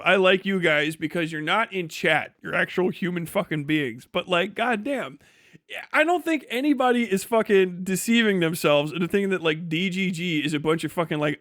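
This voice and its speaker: A livestream host reacting to other streamers rants casually, profane, sarcastic and exasperated. His high-pitched voice is a bit bright, captured in studio quality with no room sound.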